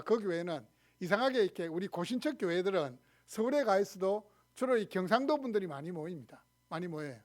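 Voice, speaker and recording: A male pastor with a Gyeongsang accent preaching a sermon, telling the story expressively and acting out quoted lines. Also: high voice. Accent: Gyeongsang Korean. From Gyeongsang region, Korea. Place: church sanctuary.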